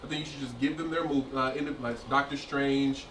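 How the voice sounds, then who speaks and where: A man co-hosting a casual live chat show, working through his thoughts out loud with plenty of ums and restarts. His voice sits in the middle range. He sounds a little distant from the mic in an echoey room, with faint hiss under him. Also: medium pitch, fairly even intonation, a little fast. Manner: hesitant, thinks aloud with many fillers. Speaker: podcast co-host.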